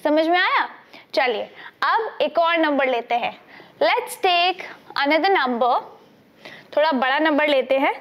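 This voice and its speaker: Woman math teacher, high voice, unhurried, patient, keeps checking that students follow. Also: lively intonation, fairly bright tone. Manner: patient, checks understanding often. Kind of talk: classroom lesson mixing Hindi and English.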